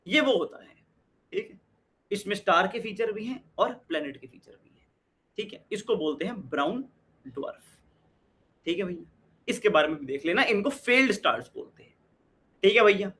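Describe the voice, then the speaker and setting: A man's voice: sits high, a bit bright. A young Indian man teaching an exam-prep lesson in mixed Hindi and English, asking questions and answering them himself. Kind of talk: energetic Hindi-English lecture.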